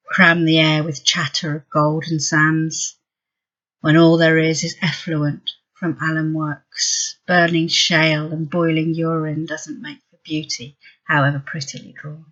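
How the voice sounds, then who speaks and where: A poet reading a poem aloud with a flat, unhurried delivery. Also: mid-range voice, dull audio. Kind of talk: poetry reading.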